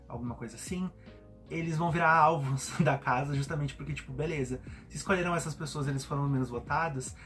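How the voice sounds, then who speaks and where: Brief: young Brazilian Portuguese-accented male host, sarcastic and indignant, casual commentary, slightly high voice.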